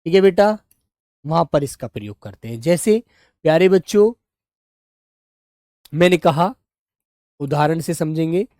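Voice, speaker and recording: A woman's voice: low voice, animated, dry recording, clean studio sound. A woman teaching a live online class to young children, patiently drawing out words as she writes them and addressing the class as dear children. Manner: patient, stretches words slowly while writing; calls students "children" and "dear children" warmly.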